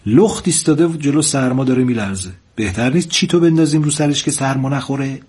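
A man voicing a tender-hearted, naive country wanderer in a folk tale, speaking with gentle, pitying pleading. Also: mid-range voice, breathy edge, lightly acted.

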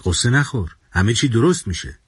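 A man's voice: medium pitch, animated, slightly rough, no echo, studio quality, recorded from a distance. A man voicing a kindly, worried middle-aged father driving his family in an audio story. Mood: anxious.

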